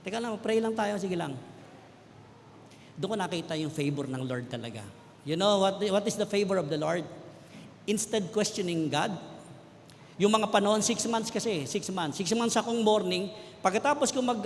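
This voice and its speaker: A middle-aged Filipino man preaching a personal testimony, his voice set high for a man. He tells his story with feeling, rising to urgent peaks and dropping to near whispers. The sound carries a long hall echo over a faint background hum. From Philippines. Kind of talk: sermon testimony.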